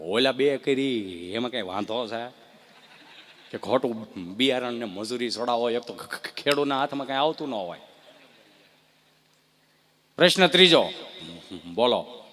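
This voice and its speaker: A male stand-up comedian, telling jokes in an animated way and putting rhetorical questions to the crowd. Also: medium pitch, unhurried, long pauses, slight background noise.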